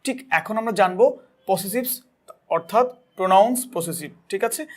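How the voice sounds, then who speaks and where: A man with a Bangladeshi accent teaching an English grammar lesson, asking questions and answering them himself, and reading example sentences slowly. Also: high-pitched. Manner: asks and answers his own questions.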